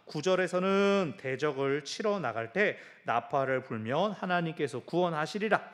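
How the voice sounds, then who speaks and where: A male pastor preaching a sermon in a church, telling stories lively and mimicking sounds with his mouth. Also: on the high side, moderate pace. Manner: animated storytelling with sound effects.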